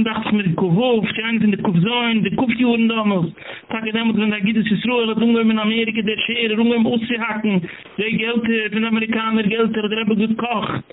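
High, flat-voiced rabbi on a phone line. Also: male voice. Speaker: rabbi lecturer. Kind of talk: Yiddish-laced sermon lecture. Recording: tinny phone-line audio with hiss.

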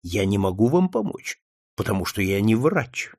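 A man's voice: medium pitch, huge pitch swings, normal speed, no room sound. A man voicing a composed, stern detective who speaks dryly and firmly, in an audiobook reading. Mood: gentle. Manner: dry, firm, sometimes gentle.

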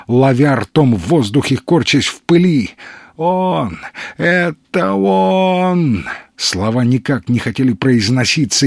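A male narrator reads a tense story steadily and dramatically, in a husky, slightly breathy voice of middle pitch. The recording is dry and close with no room sound. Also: no echo. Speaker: audiobook narrator. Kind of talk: scripted narration.

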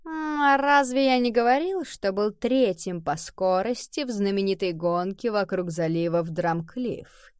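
A woman's voice: mid-range voice, clean tone, no echo, clean studio sound, natural voice. A woman doing a lazy, drawling tomcat teacher. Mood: boastful. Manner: relaxed, slow and drawling. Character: unhurried male cat, a visiting teacher.

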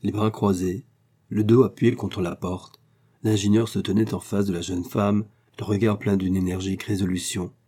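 A man reading a classic novel aloud as narrator, in a measured storytelling way. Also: on the low side, flat delivery, mellow, breathy edge. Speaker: audiobook narrator. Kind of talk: scripted narration.

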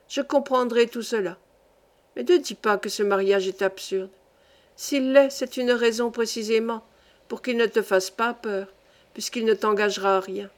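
A woman's voice: a little high, lightly acted. A woman voicing an older courtesan in a read-aloud novel, pressing her case with a dignified, pleading manner.

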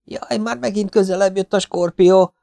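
A man's voice: animated, dry recording, natural voice. A man putting on a jittery, frightened partisan. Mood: anxious. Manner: high, anxious, shouting warnings. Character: frightened male partisan, nervous and pleading. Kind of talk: audiobook character voice.

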